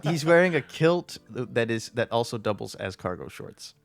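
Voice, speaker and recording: A man narrating a tabletop game as game master, hesitant with many fillers and quick to laugh at himself. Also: mid-range voice, expressive, vocal fry.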